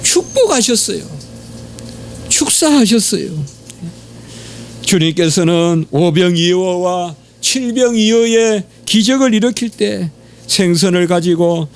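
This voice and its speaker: Gravelly Gyeongsang-accented pastor preaching. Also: male voice, a little hiss or hum. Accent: Gyeongsang Korean. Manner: emphatic, pitch leaps on exhortations, frequent "예" fillers. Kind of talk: sermon. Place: church sanctuary.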